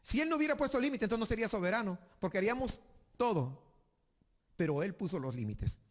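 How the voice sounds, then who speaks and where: Male pastor, high voice, emphatic sermon delivery, long hall reverb. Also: sing-song. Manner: emphatic preaching, slows for reading scripture aloud.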